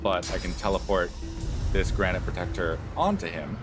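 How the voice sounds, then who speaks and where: Deep-voiced streamer rambling over music. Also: male voice, moderate pace. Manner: rambling, filler-heavy. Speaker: streamer playing a game. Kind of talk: casual gameplay commentary. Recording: commentary over loud game music.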